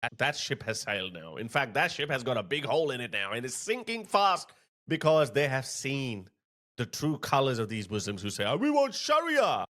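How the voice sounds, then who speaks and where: A man's voice: medium pitch, sing-song, normal speed, bright, forceful tone. Blunt man commenting on a clip. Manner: blunt, scornful. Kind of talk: opinionated reaction commentary.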